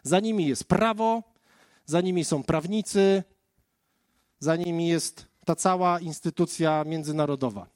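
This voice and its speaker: High-voiced man preaching a personal testimony. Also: a little slow, a little mellow, no echo, clean studio sound. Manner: storytelling, addressing the listeners directly. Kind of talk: conversational sermon testimony.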